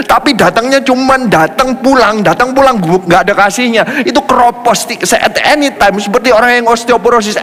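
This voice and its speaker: A man pastor preaching a sermon, telling stories with lively shifts in pitch and pace and slipping English phrases into his speech. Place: large church hall. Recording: reverberant church hall with faint music.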